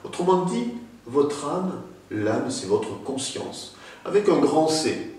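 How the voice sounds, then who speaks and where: A man giving a spoken talk on spirituality, addressing the listener directly with emphatic rises and pauses. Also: fairly high pitch, expressive, darkish tone. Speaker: spiritual teacher. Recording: very echoey room, mic at a distance.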